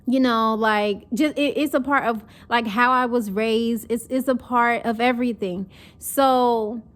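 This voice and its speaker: Speaking at a measured pace in a slightly high voice, this young woman from North Carolina chats casually to camera. Her accent mixes Southern and northern speech, and she stays animated and talkative, performing mocking quotes.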